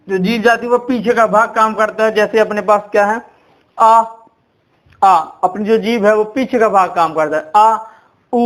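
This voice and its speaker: A man teaching a grammar lesson, quizzing his listeners and repeating key points with "ठीक है". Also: high-pitched. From India. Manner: repetitive, quizzing with "ठीक है" and "कितने होते हैं?".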